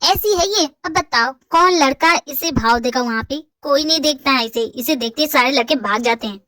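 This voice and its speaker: A woman's voice: high-pitched, normal speed, bright, forceful tone, no room sound. A woman voicing several roles in a hobby audio drama, teasing and bantering. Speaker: fan-fiction voice actor.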